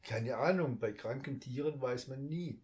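A man's voice: mid-range voice, moderate pace, darkish tone, lightly acted. A man reading a storybook and voicing a grumbling young boy who complains a lot. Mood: worried. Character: grumpy young boy, older brother.

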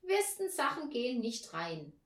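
A woman voicing an indignant older brother in a storybook reading, loud and protesting, recorded in an echoey room. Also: a little high, very animated, a little slow, pitched above the performer's own voice. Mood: matter-of-fact.

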